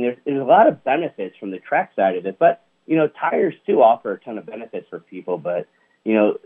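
Upbeat man over a tinny phone line. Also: lowish voice. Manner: upbeat, many "you know" fillers. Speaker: product manager guest. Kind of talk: radio phone interview.

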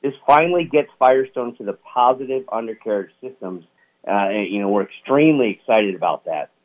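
A product manager appears as an interview guest over a tinny phone line, sounding upbeat and leaning heavily on "you know." His mid-range voice has lively intonation and moves a little fast.

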